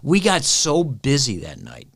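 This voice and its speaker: A man's voice: medium pitch, wildly swooping pitch, unhurried, fairly bright tone, breathy edge. Enthusiastic man in his fifties hosting. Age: 50s. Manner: enthusiastic, frequent short interjections. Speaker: podcast host. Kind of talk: casual interview chat.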